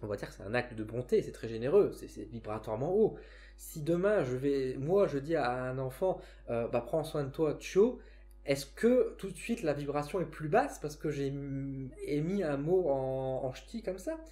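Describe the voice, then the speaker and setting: A man with a northern French accent talks casually to camera about spirituality. He sits at a middle pitch and thinks aloud, pausing and restarting his sentences as he goes. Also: expressive, warm tone, soft background music. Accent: northern French (Ch'ti). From northern France. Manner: reflective, frequent hesitations and self-restarts. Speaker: psychic and spiritual vlogger.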